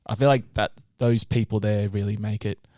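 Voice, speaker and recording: A young man, a guest in an interview, talking in a relaxed, rambling way and laughing often. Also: on the low side, normal speed, dry recording, studio quality. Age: young adult. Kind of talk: casual interview chat.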